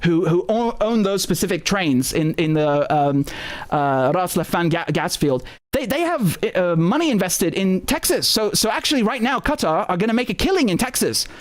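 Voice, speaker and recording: A man hosting a live stream, talking through current events in a casual, animated and sardonic way, often repeating words and swearing. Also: sits high, normal speed, hardly any pauses.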